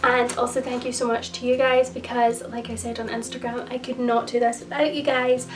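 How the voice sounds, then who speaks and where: A young woman with a slightly croaky voice, gushing warmly in a casual haul vlog about things she bought. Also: on the high side, little pitch movement, fairly quick, distant mic. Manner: gushing, effusive, repeats "so, so". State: croaky voice from a cold. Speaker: beauty and lifestyle vlogger. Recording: music bed, voice a little off-mic.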